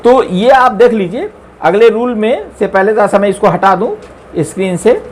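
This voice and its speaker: A man teaching English grammar, explaining slowly and reading the English examples out word by word. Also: sits high, animated, a little hiss or hum. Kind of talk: explaining a grammar lesson on screen.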